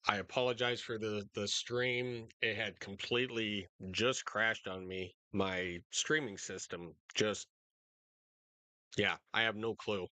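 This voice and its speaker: A man hosting live storm coverage in a casual, unscripted, halting way, speaking directly to his viewers. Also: lowish voice, steady tone, bright, forceful tone, dry recording. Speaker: storm-coverage livestream host.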